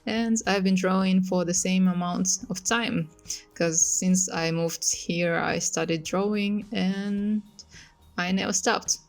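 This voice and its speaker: A young woman from northeast Russia with a Russian accent, talking casually over a speedpaint video, unhurried, with pauses and fillers. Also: on the low side, steady tone, vocal fry. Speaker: artist. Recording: music playing softly behind. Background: faint music.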